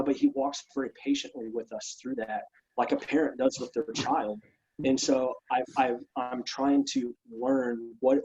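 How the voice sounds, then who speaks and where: A man joining a workshop discussion on a video call, thinking aloud in a halting way with many restarts. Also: medium pitch, vocal fry, darkish tone, slightly rough, lo-fi sound. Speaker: workshop participant. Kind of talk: reflective discussion.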